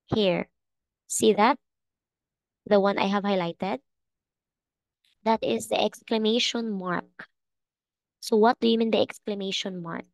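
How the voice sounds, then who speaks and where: A woman's voice: medium pitch, a little mellow. A woman teaching an online English class, speaking patiently and checking often that her students understand.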